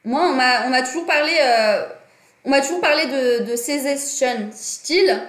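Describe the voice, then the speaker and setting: A young woman with a high, lively voice hosts a casual livestream lesson from her desk in a small room, talking about design and politics. She speaks at a moderate pace, a bit bright, with plenty of fillers and self-corrections. The sound is roomy.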